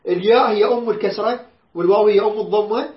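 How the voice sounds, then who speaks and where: A woman with an Iraqi Arabic accent teaches a Quran class, patiently repeating words and quizzing her students. She speaks at a medium pitch at a racing pace, and the recording is roomy, dull, and lo-fi.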